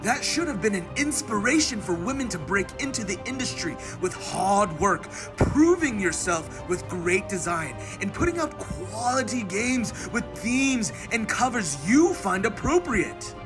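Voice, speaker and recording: A man's voice: high-pitched, very animated, measured pace, few pauses. A man giving a hammy, theatrical dramatic reading as an angry, aggrieved male board game hobbyist ranting online. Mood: indignant, scornful. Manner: reads punctuation marks aloud. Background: music.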